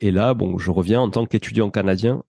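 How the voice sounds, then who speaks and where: A man of around forty with a Toulouse accent speaks in a low, gravelly, mellow voice. He tells his story as a chatty interview guest. The sound is dry and close. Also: fairly quick, no echo. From France. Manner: chatty, addresses the host with "tu vois".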